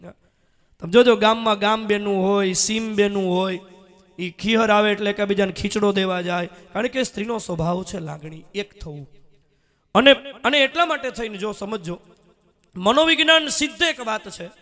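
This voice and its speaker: A man giving a devotional sermon, telling stories in a folksy, humorous, animated way. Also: high-pitched, normal speed. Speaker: kathakar, preacher.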